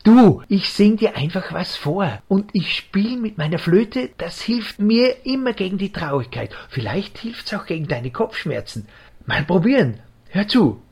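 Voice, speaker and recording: The narrator voicing a gentle, naive young male owl with a lame wing, who hoots and speaks earnestly in a children's audio story. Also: mid-range voice, big pitch swings, a little slow, husky, exaggerated voice. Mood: cheerful. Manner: hooting sounds, earnest and puzzled.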